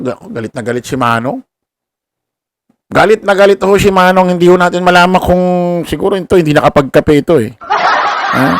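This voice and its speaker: A man's voice: high-pitched, noisy background. A man giving casual political commentary to viewers, mocking and laughing, full of rhetorical questions. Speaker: commentary vlogger.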